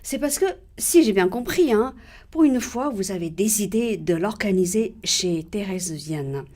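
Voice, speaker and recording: A woman's voice: medium pitch, expressive, unhurried, a little mellow. Radio interviewer woman prompting guests. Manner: encouraging, finishes guests' sentences.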